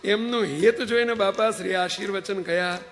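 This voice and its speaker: Male preacher with a high voice, telling stories in a sermon and speaking straight to the audience, with long hall reverb. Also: moderate pace, a bit bright, faint music behind. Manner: narrates anecdotes and addresses listeners directly. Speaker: spiritual preacher. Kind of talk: storytelling sermon explaining a devotional hymn.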